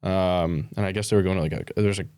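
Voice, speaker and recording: A man's voice: deep voice, fairly even intonation, fast, a little mellow, smooth, dry recording. A man from Florida co-hosting a podcast, laid-back and swearing often in casual chat. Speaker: podcast co-host.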